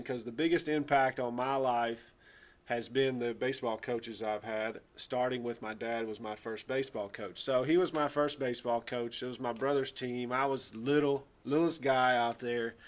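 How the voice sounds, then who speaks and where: A man who coaches baseball, telling a personal anecdote in a casual, animated way and playfully exaggerating. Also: medium pitch.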